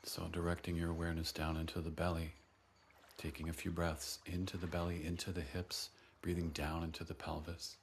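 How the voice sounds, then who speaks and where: A man guiding a breathing and voice meditation, giving soft, gentle, unhurried instructions between long audible sighs. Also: sits low, completely flat delivery, gravelly, slight background noise. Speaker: breathwork and voice teacher.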